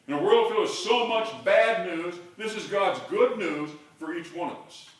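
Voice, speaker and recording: An older pastor delivers a sermon in a large, echoing church sanctuary, heard from a distance. His voice is high and his speed normal, and he builds up to loud call-and-response shouts.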